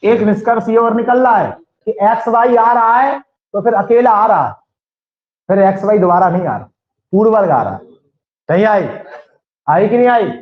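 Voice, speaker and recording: High-pitched man teaching maths in echoey room. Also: moderate pace, pauses often. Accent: western Uttar Pradesh Hindi. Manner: questioning students, repeating key points. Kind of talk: classroom lecture. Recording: echoey, dull lo-fi classroom recording.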